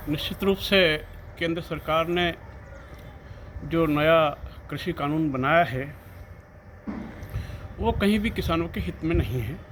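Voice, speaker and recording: Male guest, high pitch, emphatic and insistent, light background noise. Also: unhurried, long pauses, fairly bright tone. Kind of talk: political discussion.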